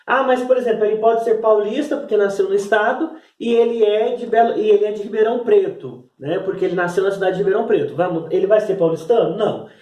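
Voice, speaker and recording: High-voiced teacher. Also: male voice, fast talker, few pauses, mellow, reverberant, distant mic. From Brazil. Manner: explanatory, repeats "né?" and "então". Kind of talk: recorded class lesson. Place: classroom.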